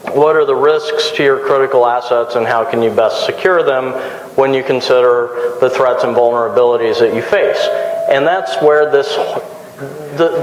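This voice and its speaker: A man's voice: medium pitch, a little hiss or hum. A man giving a conference talk in a casual, joking manner. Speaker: conference speaker. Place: conference hall. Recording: long hall reverb.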